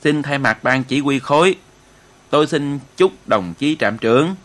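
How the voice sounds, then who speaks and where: A man voicing a jovial male political commissar who gives loud, ceremonious toasts in an audiobook. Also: medium pitch, lively intonation, a little slow. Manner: loud, ceremonious speech-making.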